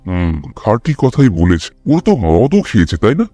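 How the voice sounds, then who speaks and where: A man voicing a sharp, restless middle-aged male detective who questions and lectures in a measured way, in a storybook audio drama. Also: on the low side, big pitch swings, no room sound. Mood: probing.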